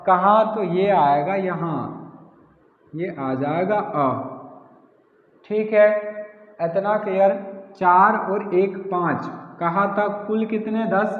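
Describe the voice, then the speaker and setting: A man's voice: sits high, fairly even intonation, slow. A man teaching a grammar lesson, asking the class questions and answering them himself, repeating key words. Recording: echoey hall, tinny phone-like sound.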